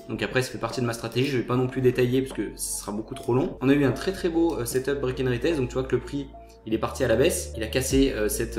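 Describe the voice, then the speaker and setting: A young man talks fast and casually through a live trading session, addressing the listener directly and filling gaps with hesitations. His voice sits in a roomy, reverberant space, with a faint guitar playing underneath. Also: mid-range voice, a little mellow. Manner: casual, addresses viewer as "tu", many "euh" hesitations. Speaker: trading channel host.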